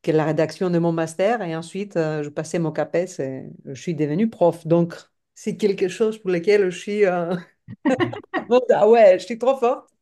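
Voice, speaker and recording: A woman in her forties from Crete with a Greek accent, a podcast guest telling her story in lively casual chat, laughing often. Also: fairly low pitch, normal speed. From Crete, Greece. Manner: animated, laughs often, proud and emphatic.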